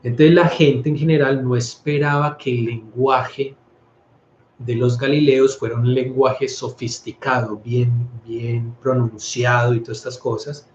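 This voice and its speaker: Colombian priest giving a roomy, conversational talk. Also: male voice, medium pitch, little pitch movement, unhurried, slight background noise. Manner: conversational, stumbles and restarts words. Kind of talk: informal scripture talk. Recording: roomy, slightly dull recording.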